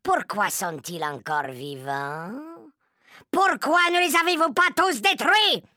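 A woman's voice: medium pitch, animated, takes it slowly, bright, forceful tone, no echo, clean studio sound. A woman playing a tyrannical, furious female witch leader who shrieks orders and chants threats in an audio drama.

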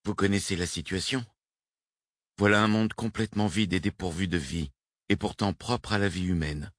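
A man reading the lines of a devout male cosmonaut, earnest and steady in his conviction. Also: deep voice, moderate pace, no room sound, clean studio sound.

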